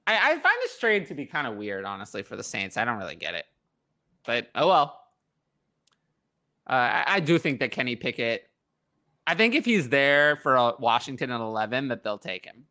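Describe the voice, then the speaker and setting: Lively, bright-voiced male sports co-host. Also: mid-range voice, normal speed. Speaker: podcast co-host. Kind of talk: casual sports chat.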